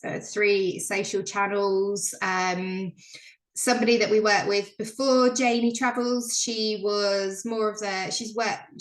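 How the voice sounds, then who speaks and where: A woman's voice: medium pitch, echoey room, low-quality recording. A woman giving a chatty, filler-heavy business update on a video call. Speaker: presenter on a member call.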